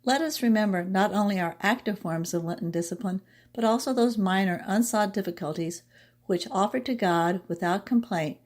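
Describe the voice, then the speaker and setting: Woman prof reading a devotional script, calm and measured, slows way down on the poem lines. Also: mid-range voice. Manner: measured, reads poetry slowly and deliberately. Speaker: professor presenting a short devotional segment.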